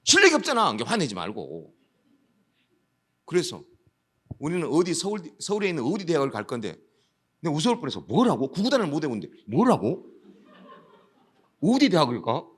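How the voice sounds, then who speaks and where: A middle-aged man tells stories to an audience, switching into the voices of the people in them. His speech rises and falls a great deal, and he sits a little higher than most men. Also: big pitch swings, fairly quick, long pauses, a little mellow, breathy edge. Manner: storytelling, switches into voices of students and police. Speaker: education official giving a talk. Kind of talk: anecdotal lecture with acted dialogue.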